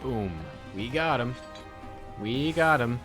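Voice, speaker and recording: A man's voice: mid-range voice, lively intonation, slow pace, over music. A man chatting casually as he streams himself playing a game. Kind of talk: casual gameplay chat.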